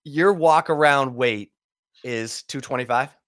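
A middle-aged man hosts a casual sports podcast, chatty and quick to tell stories. His voice sits at an ordinary pitch. The recording is dry and close. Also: clean tone, no echo. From Michigan. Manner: chatty storyteller, warm welcomes. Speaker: podcast host.

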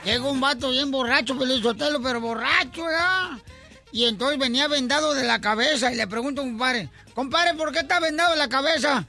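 Rowdy high-voiced radio host. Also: male voice, brisk, gravelly, faint music behind. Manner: loud, rowdy, playful. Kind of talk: joke-telling radio banter. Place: radio studio.

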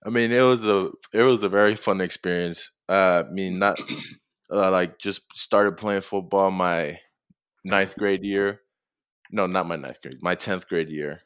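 Young man from tonga, low smooth voice, halting answers with lots of uh and like. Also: fairly even intonation, dry recording, clean studio sound. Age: young adult. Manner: soft-spoken, hesitant, many fillers and chuckles. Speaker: football player guest. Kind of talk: casual interview answers.

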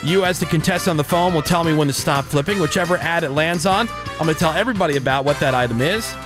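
A man's voice: fairly high pitch, quick pace. A man with an American accent hosting a morning radio show, bantering and running a phone-in contest. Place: radio studio. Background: music bed.

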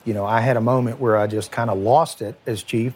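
A middle-aged man, a former police chief recalling a painful night in a halting, emotional way, often repeating words and dropping his voice. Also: medium pitch, fairly even intonation, slightly rough. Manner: halting, repeats words, quiet and heavy at times. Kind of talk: emotional first-person recollection.

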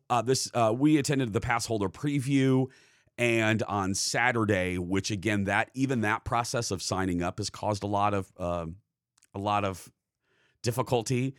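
A man's voice: on the low side, dry recording, studio quality. A man co-hosting a theme park podcast in casual chat, laughing easily and talking with frequent fillers. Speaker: podcast co-host.

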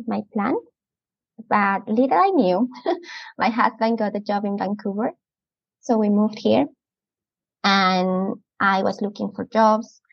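A woman's voice: medium pitch, vocal fry, no echo. A woman in her thirties from Ecuador with a Latin American Spanish accent, a chatty and enthusiastic outdoor preschool educator talking as an interview guest. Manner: enthusiastic, chatty, laughs often. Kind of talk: casual interview chat. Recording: muffled lo-fi podcast audio.

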